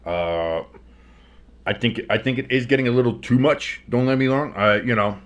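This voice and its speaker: A male sports streamer with a mid-pitched voice that comes across tinny, as recorded in a kitchen. He calls plays and chats casually in between, with a blunt, sardonic manner. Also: moderate pace, fairly bright tone. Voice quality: tinny sound. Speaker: sports play-by-play commentator and stream host. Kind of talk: play-by-play commentary mixed with casual chat. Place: kitchen, not a studio.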